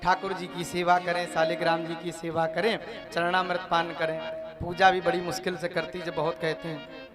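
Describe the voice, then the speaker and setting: A male preacher telling a devotional story in a lively storytelling manner, now and then chanting verses. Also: on the high side, moderate pace. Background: devotional music.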